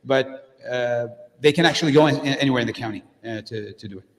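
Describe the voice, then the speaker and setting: A man's voice: mid-range voice, fast talker, slight background noise. A middle-aged man giving a direct, plainspoken talk as a guest speaker at a mosque, with frequent fillers and restarts. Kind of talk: informal community talk with Q&A. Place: mosque hall. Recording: echoey hall with long reverb.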